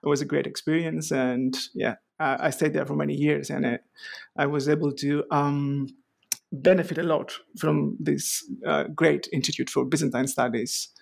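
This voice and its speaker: Gravelly-voiced Greek man, flat delivery. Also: a little high, normal speed. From Greece. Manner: hesitant, many fillers and restarts. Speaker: guest historian. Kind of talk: podcast interview.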